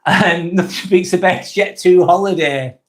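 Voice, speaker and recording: A man from northwest England with a Lancashire accent hosts a casual live vlog, rambling and blunt, swearing offhandedly and restarting sentences often. His voice is high and his pace measured.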